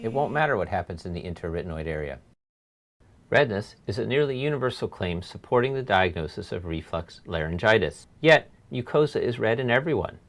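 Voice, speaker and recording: A male doctor narrates a scripted medical lecture. His voice sits on the low side, and he explains in a measured way, leaning on the important points. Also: lively intonation. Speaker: laryngologist lecturer.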